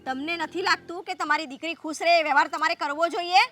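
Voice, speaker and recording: An actress playing a domineering sister-in-law who scolds and argues sharply in a family drama. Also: female voice, extremely high pitch, steady tone, fast, fairly bright tone, soft background music. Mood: scolding. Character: domineering, haughty sister-in-law of adult age. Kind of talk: scripted family drama dialogue.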